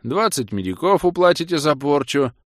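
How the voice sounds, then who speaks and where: A man doing a loud, stern town guard. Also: fairly high pitch, big pitch swings, moderate pace, dry recording, clean studio sound, voice pushed up. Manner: commanding, brooks no objection.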